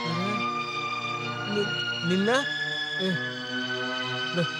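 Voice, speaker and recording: A man's voice: sits high, level tone, drawn-out words. An actor dubbing a down-on-his-luck younger brother who is drunk and rambles, repeating himself, in a dubbed film. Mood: drunk, rambling. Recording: loud film score behind. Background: music.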